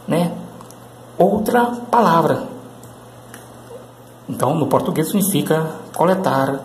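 A man hosting a quick English lesson in a casual, rambling way, with many tag questions and fillers. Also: on the high side, a little mellow, roomy sound, a little hiss or hum, low-quality recording. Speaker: English teacher and channel host.

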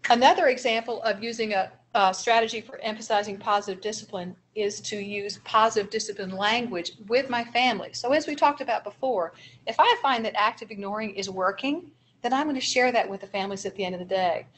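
A woman giving a seminar presentation on child behavior, acting out short teacher examples in a lively way. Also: medium pitch, a little fast, slight background noise. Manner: animated, acts out teacher examples. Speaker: early childhood trainer.

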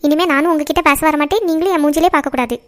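A woman voicing a heartbroken, proud young woman in a cartoon, speaking quickly and sharply. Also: high-pitched, lightly acted. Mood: angry. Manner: quick, sharp delivery that turns tearful and defiant. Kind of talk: cartoon voice acting.

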